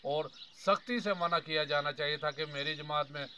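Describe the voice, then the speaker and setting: A man's voice: a little high, normal speed, pushed and bright, a little hiss or hum. A man in his fifties from Pakistan giving an earnest political commentary monologue, addressing his viewers directly. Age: 50s. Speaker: vlogger.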